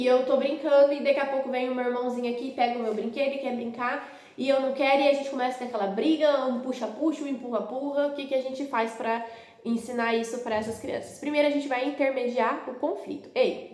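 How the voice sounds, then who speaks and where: Brazilian parenting coach, a woman with a bit of a high voice, calm and explanatory, home room with a roomy echo. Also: fairly quick. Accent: Brazilian Portuguese. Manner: calm explanatory, acts out parent-child dialogues. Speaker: parenting educator. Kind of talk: instructional video. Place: her home.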